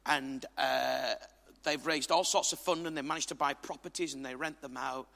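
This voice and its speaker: A man's voice: medium pitch, fairly even intonation, normal speed, gravelly, bright, forceful tone. A man from England preaching a sermon to a congregation, emphatic and jokey, with asides to the crowd. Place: church hall. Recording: reverberant hall.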